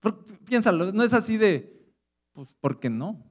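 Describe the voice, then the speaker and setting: Mexican pastor, middle-aged man, conversational sermon delivery with rhetorical questions, slightly higher voice. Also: very animated, a little slow. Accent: Mexican Spanish.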